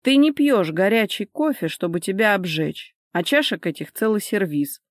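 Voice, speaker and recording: A woman's voice: mid-range voice, lively intonation, normal speed, dry recording, studio quality, close to an everyday voice. A woman voicing a stern grown man who speaks in a clipped, controlled way.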